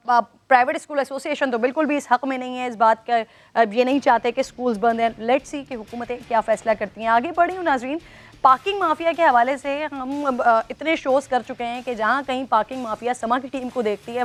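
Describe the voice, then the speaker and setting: A woman, hosting a news show in a conversational anchoring style. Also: a little high. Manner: conversational, with fillers.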